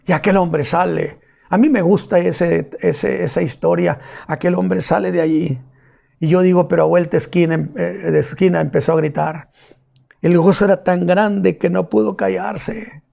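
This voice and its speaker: Male pastor, sermon delivery, high voice with a dark, gravelly tone, unhurried storytelling. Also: steady tone. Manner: slow, deliberate storytelling with vivid retelling.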